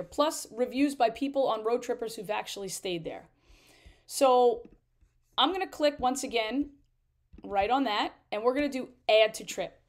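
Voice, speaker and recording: A woman in her thirties, an RV travel vlogger, explaining a trip-planning tool step by step in a chatty way. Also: a little high. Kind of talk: screen-share tutorial walkthrough.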